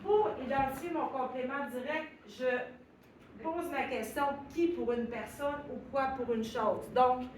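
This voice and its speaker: A woman's voice: high voice, unhurried. A woman teaching a French class, patient and repetitive, spelling words out and laughing at her own slips, recorded from across a classroom. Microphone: far recorder in the room. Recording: echoey classroom picked up from far off with background noise.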